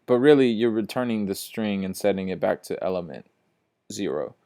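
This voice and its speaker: A man's voice: lowish voice, expressive, mellow. A man teaching a programming class, walking through code step by step in a casual, repetitive way, sleepy and yawning. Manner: casual, talks to viewers as guys, repeats steps slowly. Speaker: instructor.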